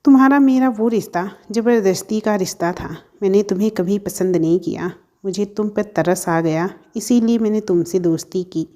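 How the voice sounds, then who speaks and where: Woman narrator playing a cold young ex, accusing, blunt, mellow tone. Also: medium pitch, normal speed, hardly any pauses, lightly acted. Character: young man confronting his ex-girlfriend.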